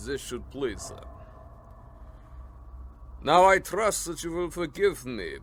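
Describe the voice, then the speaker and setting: An actor playing a vampire count in a radio drama, speaking with formal, deliberate courtesy that carries a quiet, commanding menace. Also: male voice, mid-range voice, slight background noise.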